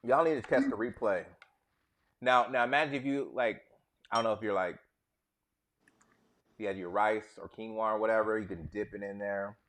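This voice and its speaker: A man's voice: on the low side, moderate pace, long pauses, a bit bright, a little hiss or hum. A man hosting a live cooking stream, chatting loosely and joking while he tastes the food. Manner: loose, joking, talks with mouth full. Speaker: cooking show host. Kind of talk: casual live cooking chat.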